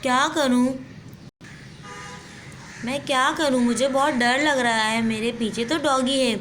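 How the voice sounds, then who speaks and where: A woman's voice: high voice, fairly even intonation, unhurried, a bit bright, a little hiss or hum. A woman voicing a timid, forgetful little girl in a doll play story, whiny and pleading. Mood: scared.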